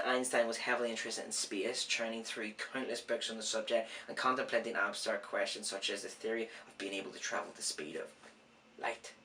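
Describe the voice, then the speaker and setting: A man's voice: medium pitch, pushed and bright, distant mic, slight background noise. A man who says w for r, hosting an informal science explainer with self-mocking, rambling asides. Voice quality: cannot say R clearly, says w for r. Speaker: host of an educational science series. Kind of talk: informal science explainer, part scripted, part ad-libbed.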